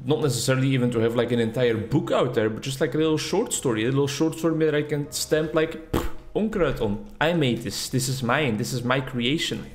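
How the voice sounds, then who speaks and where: A gaming YouTuber, a young man from the Netherlands or Flanders whose first language is Dutch, offers casual, meandering, self-deprecating reflections over his gameplay. He talks fairly quickly in a mid-range voice.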